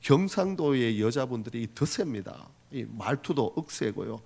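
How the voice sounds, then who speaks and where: A male pastor from the region preaching a sermon, earnest and storytelling, moving from loud exhortation to soft asides. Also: mid-range voice, animated, normal speed, creaky. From Gyeongsang region, Korea. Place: church sanctuary.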